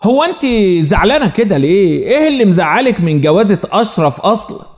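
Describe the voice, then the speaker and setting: Man playing a friendly egyptian doctor, fatherly, lively high voice, echoey. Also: fast talker. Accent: Egyptian Arabic. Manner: warm, fatherly. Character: kindly, jovial middle-aged male doctor. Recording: long reverb.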